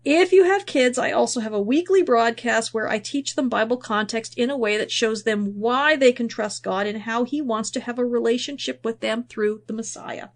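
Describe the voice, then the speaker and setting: A woman's voice: on the high side, normal speed, hardly any pauses. A woman hosting a podcast, her sinuses congested. She teaches Bible background in a chatty, self-deprecating way, with asides and fillers, and reads scripture aloud. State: congested, sniffling from draining sinuses. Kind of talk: casual spoken teaching, reading scripture aloud.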